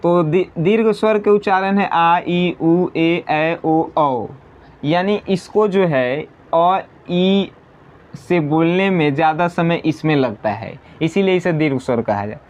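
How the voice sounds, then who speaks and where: A man teaching an exam-prep grammar lesson, slowly repeating definitions and answering his own questions. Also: a little high.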